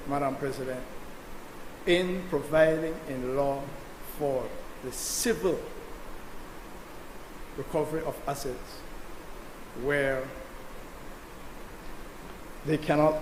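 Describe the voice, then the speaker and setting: A man giving an emphatic, combative speech as a senator in a parliamentary debate, addressing the chair. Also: a little high. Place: legislative chamber. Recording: echoey chamber with long reverb, faint noise.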